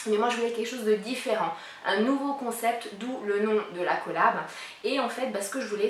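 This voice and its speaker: Recorded in an echoey room with the mic a bit far away and some slight background noise, a medium-pitched woman in her thirties hosts a casual vlog. As a YouTuber for a collab channel, she answers tag questions in a chatty way, using many fillers.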